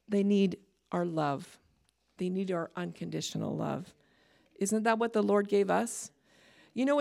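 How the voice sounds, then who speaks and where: A woman's voice: mid-range voice, gravelly. Canadian woman chaplain preaching conversationally. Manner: warm, conversational preaching with frequent laughs and asides. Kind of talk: sermon.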